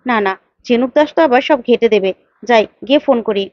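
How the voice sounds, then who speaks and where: A woman voicing a clever, determined young woman who lays a trap, talking briskly and persuasively. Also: a little high, dry recording, lo-fi sound, lightly acted. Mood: scheming. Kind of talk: storytelling with voiced parts.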